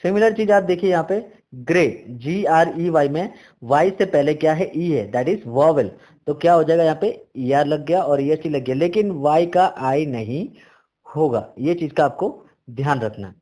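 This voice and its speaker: Man, indian english accent, grammar teacher, fairly high voice, reads rules out slowly, explains fast. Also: expressive, warm tone. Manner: mixes English rule readings, read slowly, with quick explanations.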